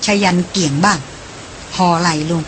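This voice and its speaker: A woman narrating an audiobook in a steady, even manner. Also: fairly low pitch, moderate pace, a little hiss or hum. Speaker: audiobook reader. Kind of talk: scripted narration.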